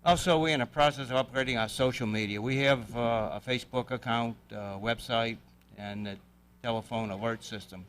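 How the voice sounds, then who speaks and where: A man, a police chief giving an earnest, deliberate public address in a city council chamber. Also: mid-range voice, a bit bright, smooth. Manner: earnest, deliberate, plain-spoken.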